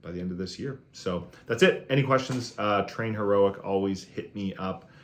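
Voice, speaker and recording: A fitness coach gives a casual weekly training review, conversational and encouraging, with lots of fillers. His voice is fairly low and he talks at normal speed.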